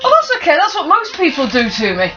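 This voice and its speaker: Giggly woman at a tabletop game, high bright voice, dull lo-fi sound w music behind. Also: wildly swooping pitch, fast talker, recorded from a distance. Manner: giggly and cheeky. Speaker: player. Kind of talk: casual chat around a tabletop game.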